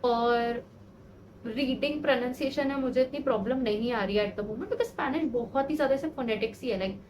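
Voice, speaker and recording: A woman in her twenties, a vlogger learning a language, talks to the camera casually in a self-mocking, exasperated way about her struggles. Her voice is a little high, a little fast and darkish, and the poor audio carries slight background noise.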